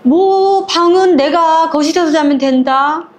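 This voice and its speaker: A woman's voice: fairly high pitch, measured pace, a little mellow, natural voice. A woman voicing a pushy, self-assured middle-aged mother-in-law who talks in a bossy, matter-of-fact way.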